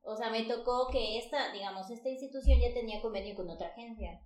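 A woman with a Mexican accent, a travel agency head and podcast guest, telling lively stories in casual chat, full of fillers like "o sea" and "pues". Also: fairly high pitch, quick pace. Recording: roomy echo.

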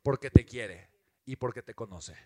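A man with a Mexican accent giving an animated, emphatic motivational talk as a business mentor, often asking rhetorical questions. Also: mid-range voice, normal speed, dry recording. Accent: Mexican Spanish.

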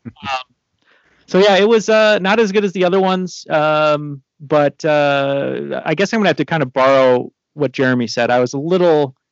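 A man co-hosting a casual podcast, self-deprecating and halting as he tells a story, on a video call. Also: a little high, no room sound, highs cut off. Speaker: podcast co-host. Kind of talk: casual anecdote.

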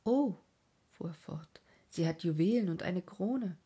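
A woman's voice: fairly low pitch, animated, unhurried, dark tone, breathy edge. Woman whispering as a dreamy deluded young man, whispered role-play. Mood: wistful. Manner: wistful, dreamy. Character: gentle deluded young man, once a clerk.

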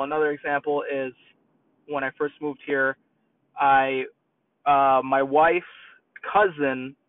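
A young man with a New York accent, telling personal stories casually to his channel, often restarting and correcting himself. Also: on the high side. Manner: rambling, self-correcting with many restarts. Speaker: YouTube creator. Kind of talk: casual personal storytelling to camera. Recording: distant, tinny phone-like sound.

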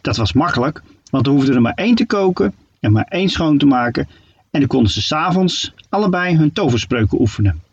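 Expressive male children's storyteller, husky. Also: fairly high pitch, brisk, highs cut off. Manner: playful, expressive storybook narration.

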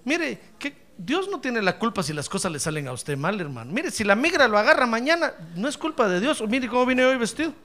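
A male pastor preaching a sermon, addressing the congregation directly and swinging from hushed asides to shouts. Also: very high-pitched, very animated, fairly quick, few pauses. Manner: acts out quoted voices and addresses congregation directly.

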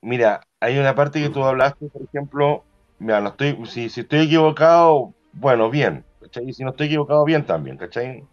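A man's voice: medium pitch, lively intonation, a little fast, dull audio, faint music behind. A man, hosting a casual chat and telling a story in a rambling way, correcting himself as he goes.

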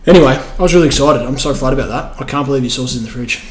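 A man's voice: mid-range voice, rapid-fire, roomy sound, rough recording. A man, co-hosting a casual podcast in a teasing, mock-dramatic way, recorded in an apartment. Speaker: podcast co-host. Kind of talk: casual chat.

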